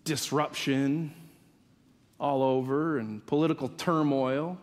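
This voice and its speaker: A man preaching a sermon, telling the story dramatically, dropping to hushed whispers and rising to urgent calls. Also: medium pitch, fairly even intonation, slow pace. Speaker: pastor. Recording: long hall reverb.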